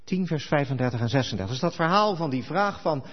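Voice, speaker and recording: Husky-voiced male preacher in an echoing hall. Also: fairly high pitch, quick pace. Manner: animated storytelling, acting out quoted dialogue. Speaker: pastor. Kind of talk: sermon. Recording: echoey hall, dull lo-fi sound.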